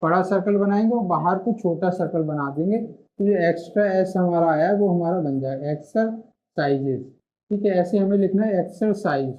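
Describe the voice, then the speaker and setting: A male shorthand teacher gives an online classroom lesson in a high voice at a normal pace, explaining patiently and often pausing to pose and answer his own questions. The recording is muffled and lo-fi.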